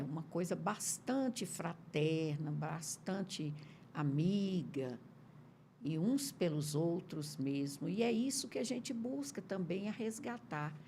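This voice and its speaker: Brazilian lady hosting a podcast, low gravelly voice, gentle questions, keeps asking "né?". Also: slow, a little hiss or hum. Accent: Brazilian Portuguese. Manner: gentle, frequent tag questions. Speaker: podcast host. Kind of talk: interview questions.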